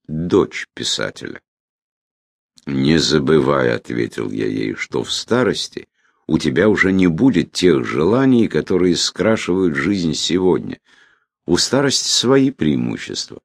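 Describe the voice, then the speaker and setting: A man reading a reflective memoir as audiobook narration, in a measured way with phrase ends that trail off. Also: very deep voice, sing-song, vocal fry, dry recording, clean studio sound.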